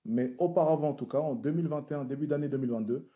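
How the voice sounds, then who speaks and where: A man who makes social media content, giving measured, formal answers at a hearing and repeating key phrases for emphasis. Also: fairly high pitch, highs cut off.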